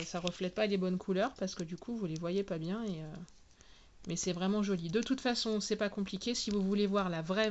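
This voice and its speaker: A woman talking casually through a product unboxing, spelling out each product name slowly and clearly. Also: lowish voice, lo-fi sound, slight background noise. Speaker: nail product reviewer.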